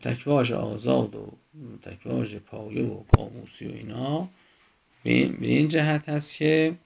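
A man's voice: mid-range voice, steady tone, gravelly, slight background noise. A man teaching a grammar lecture, explaining step by step with examples.

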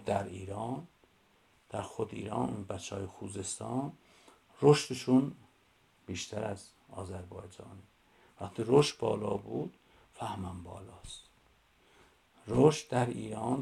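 A man giving a lecture, stressing and repeating the key points and reading children's poems aloud slowly. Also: on the low side, gravelly, dark tone, breathy edge. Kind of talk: university lecture.

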